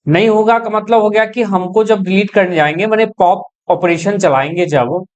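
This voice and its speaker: A woman teaching an exam-prep computer science lecture, explaining step by step and mixing English technical terms into her speech. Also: medium pitch. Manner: explains step by step, asks and answers own questions.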